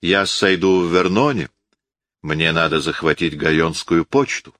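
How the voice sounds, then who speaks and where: A man's voice: deep voice, measured pace, a bit bright, no echo. Man doing a glib young cavalry officer. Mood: matter-of-fact. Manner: breezy, easygoing, lightly mocking. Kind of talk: audiobook character voice.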